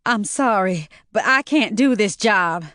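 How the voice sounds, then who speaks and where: A woman's voice: medium pitch, moderate pace, a bit bright, no room sound, clean studio sound, lightly acted. A woman narrator voicing a shaken young woman care worker who whimpers and stammers. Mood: distraught.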